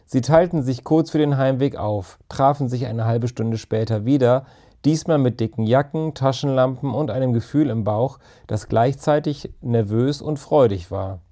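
A male narrator reads a children's audiobook calmly and evenly, his medium-pitched voice warm and mellow.

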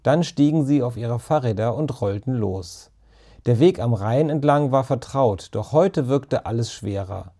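A man narrating a children's story in a calm, even storytelling manner. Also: medium pitch, unhurried. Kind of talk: audiobook reading of a children's story.

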